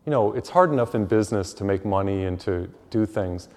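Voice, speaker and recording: Priest preaching with long church echo. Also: male voice, on the low side, expressive, brisk, darkish tone. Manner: conversational preaching with homely asides. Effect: long church reverb. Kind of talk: sermon with gospel reading. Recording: echoey church hall reverb.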